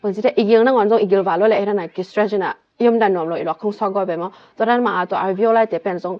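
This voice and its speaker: A woman vlogger calmly explaining a health topic, stepping through medical terms one by one. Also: medium pitch, very fast, dull audio.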